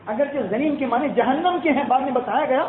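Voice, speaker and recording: A man delivers a sermon in a strikingly high voice, often repeating his phrases and calling his listeners dear friends. The sound is thin and phone-like. It echoes as if in a large hall, with a faint hiss underneath. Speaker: preacher. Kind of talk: Islamic sermon in Urdu.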